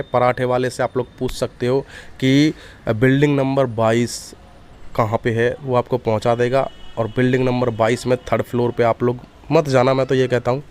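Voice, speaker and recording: A man's voice: medium pitch, a little mellow, clear, resonant tone. A young man, casually telling a ghost story to his viewers and calling them "bhai". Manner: conversational, addresses listeners as "bhai". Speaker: horror story YouTuber.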